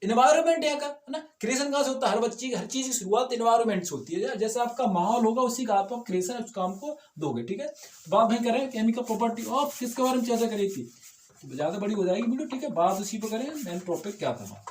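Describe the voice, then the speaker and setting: A man's voice: very high voice, lively intonation, quick pace, a little mellow, echoey room. A man teaching chemistry in a casual lecture style, with motivational asides and constant rhetorical check-ins with his students. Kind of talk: informal classroom lecture.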